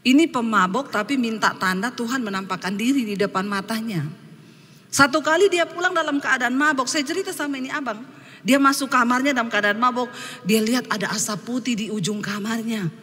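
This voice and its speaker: A woman's voice: a little high, fairly quick, bright, forceful tone, long reverb tail. A woman pastor preaching a sermon, telling stories with humorous asides to the congregation.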